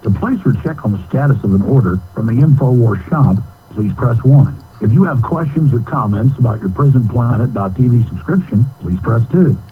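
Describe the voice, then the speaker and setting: Man, recorded phone menu announcer, measured even reading, landline phone sound, faint hiss. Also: mid-range voice, narrow, tinny audio. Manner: measured, evenly read announcements. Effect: heard over a landline phone.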